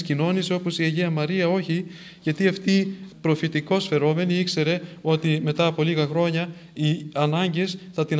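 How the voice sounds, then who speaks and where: A man giving a sermon, moving between plain storytelling and emphatic, formal recitation. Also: on the high side. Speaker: preacher. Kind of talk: sermon retelling a saint's life.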